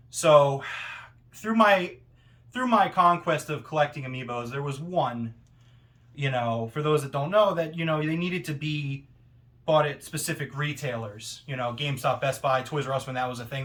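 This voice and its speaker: A man delivering a self-important, accusatory wrestling promo monologue, with deliberate pauses and rhetorical questions. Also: on the high side, fairly bright tone.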